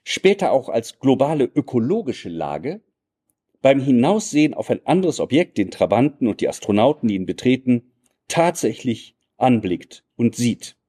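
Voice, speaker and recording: Lecturer, male, formal and measured, dark husky tone. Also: mid-range voice, very animated. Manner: measured, formal and elaborate phrasing. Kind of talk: academic lecture.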